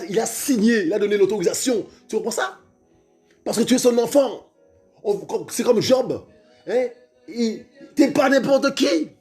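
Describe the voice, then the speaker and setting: Male preacher, high voice, fervent and repetitive, faint music behind. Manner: fervent, repetitive, calls out to listeners, stammers, shouts at times.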